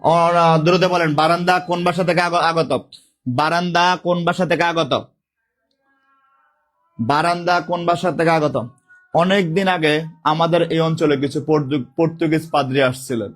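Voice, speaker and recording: A man teaching a live online exam-prep class with a sore throat, speaking softly, repeating questions and calling out students' names. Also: a little high, fairly even intonation, normal speed, long pauses. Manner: repetitive, calls out student names and drills questions.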